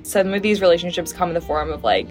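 A lower-voiced woman answers interview questions as a writer guest, chatty and full of fillers. Faint music plays underneath her. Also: animated, fast talker.

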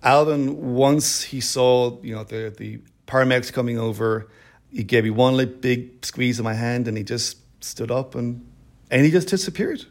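Gravelly middle-aged man telling a story. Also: medium pitch. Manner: emotional, halting, with restarts. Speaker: storyteller guest. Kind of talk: personal story told in interview. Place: quiet room.

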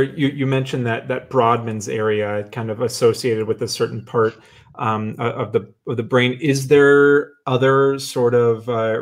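A man hosting an interview, with an ordinary mid-range pitch. He asks long, searching questions, pausing on fillers as he works out each one.

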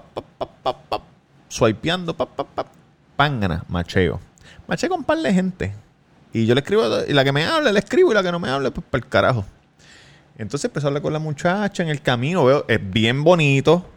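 A man in his thirties with a Puerto Rican accent tells a story in a relaxed, casual chat. His pitch swings widely as he acts out the conversations he describes, and he laughs often. His voice sits in the middle of the male range. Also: fairly quick. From Puerto Rico. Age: 30s. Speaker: podcast guest.

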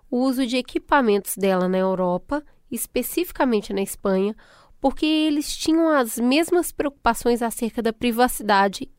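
A Brazilian podcast co-host with a fairly high-pitched voice and a Brazilian Portuguese accent, recorded cleanly in a studio with no room sound. She reads scripted news segments and chats playfully with guests in lively slang.

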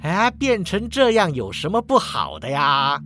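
A man's voice: high-pitched, huge pitch swings, measured pace, bright, forceful tone, full character voice. A man voicing a cheeky old male skeleton necromancer who wheedles and argues, in a storybook reading. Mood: chummy. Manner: wheedling, self-pitying, argumentative.

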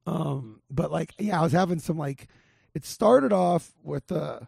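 Man, gravelly hoarse voice, mellow tone, dry close sound, casual podcast host. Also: fairly high pitch, a little slow, no room sound. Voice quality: gravelly, raspy voice.

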